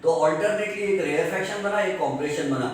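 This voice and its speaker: A male science teacher giving a classroom lecture, explaining step by step and slowly dictating definitions. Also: sits high. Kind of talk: classroom lecture mixing Hindi and English. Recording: echoey room from far off.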